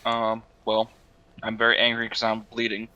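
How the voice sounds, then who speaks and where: A man's voice: fairly low pitch, monotone, normal speed, bright, forceful tone, muffled recording. A man playing a tabletop game over an online call, hesitant and full of fillers. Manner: hesitant, filler-heavy, sheepish. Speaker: player. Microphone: online call microphone.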